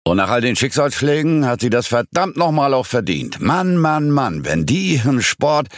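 A man voicing a gruff, forceful-voiced man sitting at a pub counter, in an audiobook. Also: medium pitch, very animated, normal speed, no room sound, clean studio sound, pitched above the performer's own voice, close to an everyday voice. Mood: worked up. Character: gruff loud male barfly on a stool.

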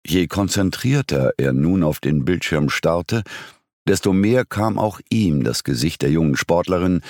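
A man narrating a crime novel in a measured audiobook reading. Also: sits low, darkish tone, no echo, studio quality. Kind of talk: scripted narration.

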